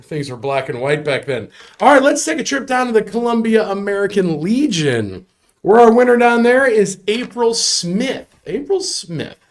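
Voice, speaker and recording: A man's voice: high voice, sing-song, normal speed. A man hosting a live bar prize giveaway show, jokey and upbeat, with chuckles and asides.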